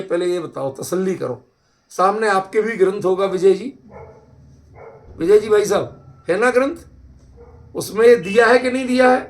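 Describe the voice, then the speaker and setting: A man with a notably high-pitched voice teaches scripture in an online group discussion. He explains with emphasis and homely examples, and he keeps quizzing his listeners to check that they follow. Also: gravelly.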